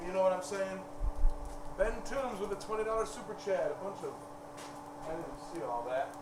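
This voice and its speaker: A man with a rather high voice hosts a casual live stream in a folksy way. He addresses viewers informally. The room is echoey, with clear noise behind him. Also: moderate pace. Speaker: livestream host. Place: forge workshop. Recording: echoey workshop, loud background noise.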